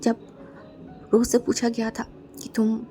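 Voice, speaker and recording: A woman's voice: on the high side, completely flat delivery, a little slow, mellow, soft background music. A woman casually retelling a fan fiction story, often repeating words and mixing in English.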